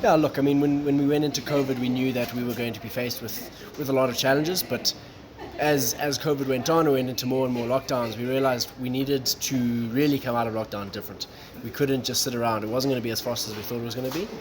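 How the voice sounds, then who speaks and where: A man from Malawi, a guest talking casually about his tourism business, relaxed and saying "um" and "look" a lot. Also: mid-range voice, fast. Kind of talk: casual interview talk. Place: coffee shop. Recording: noisy coffee shop background.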